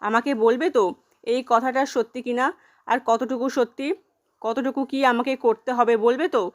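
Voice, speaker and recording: A woman's voice: on the high side, little pitch movement, normal speed, natural voice. A woman voicing a firm, defiant middle-aged mother in a retold soap-opera scene.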